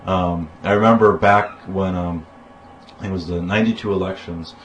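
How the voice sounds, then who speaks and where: A man's voice: deep voice, steady tone, normal speed, a little hiss or hum, low-quality recording. A man from the United States in casual conversation, telling anecdotes in a rambling way with restarts and quoted dialogue.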